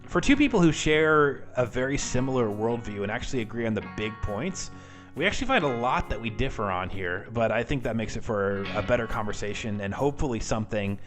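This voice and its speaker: Casual, self-deprecating male podcast host. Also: lowish voice. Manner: informal, self-deprecating, wry. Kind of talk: casual, chatty podcast talk. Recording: amateur home podcast audio.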